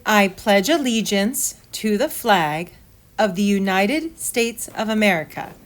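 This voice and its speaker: A woman gives a school intercom-style announcement. She recites formally and very slowly, with deliberate phrasing and a pitch that rises and falls widely. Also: animated.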